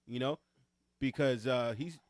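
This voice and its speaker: A man's voice: medium pitch, measured pace, no room sound, clean studio sound. A man with a Long Island accent co-hosting a casual sports podcast, talking in an emphatic, opinionated way. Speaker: podcast co-host.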